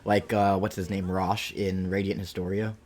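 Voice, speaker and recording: A man in his late twenties streams a game and chats casually and playfully, rambling and cutting himself off. His voice is low, a little mellow, and flat, at a normal speed.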